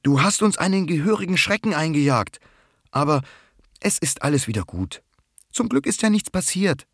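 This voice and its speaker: A man voicing a kind, soothing little critter in a children's story, speaking gently. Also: sits high, normal speed, slightly rough, no echo, clean studio sound, pitched above the performer's own voice, heavily acted. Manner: gentle, calming, scolding softly.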